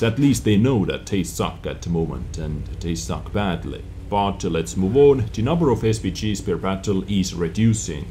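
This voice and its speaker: A man's voice: deep voice, mellow, a little hiss or hum. A man casually commenting on game update news, reading out each point and reacting to it. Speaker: gaming video creator.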